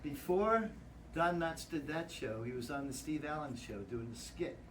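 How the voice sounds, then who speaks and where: An older man telling anecdotes with a lot of swing in his voice, laughing as he goes. His voice sits a little high. He is picked up from a distance over loud noise. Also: normal speed. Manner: lively, laughing storyteller. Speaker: club speaker. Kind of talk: anecdotal after-dinner talk. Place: hall at a club gathering.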